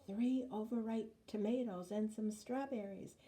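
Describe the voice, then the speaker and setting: A woman voicing a soft-spoken, steady, encouraging old grandmother in a children's storybook. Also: fairly high pitch, a little slow, close to an everyday voice. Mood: soft, reassuring. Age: older. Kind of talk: storybook read-aloud character voice.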